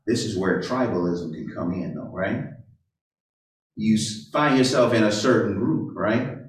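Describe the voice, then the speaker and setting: A pastor or Bible teacher with a fairly low voice delivers an interactive sermon at a measured pace. He poses many rhetorical questions and keeps checking in with "right?". The recording sounds roomy and echoey, as if he stands far from the mic.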